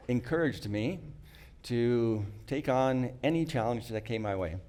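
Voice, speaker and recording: With a mid-range voice and darkish tone, a middle-aged non-native English speaker shares a prepared story from his life. He sounds earnest and reflective, restarting slightly now and then and frequently clearing his throat.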